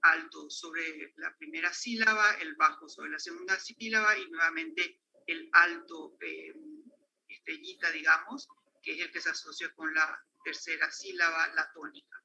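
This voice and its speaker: Bright-voiced Paraguayan man giving a lecture. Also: a little high, fairly even intonation, unhurried, gravelly, a little hiss or hum, low-quality recording. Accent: Paraguayan Spanish. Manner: hesitant, many fillers and restarts. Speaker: conference lecturer on linguistics. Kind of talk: academic lecture.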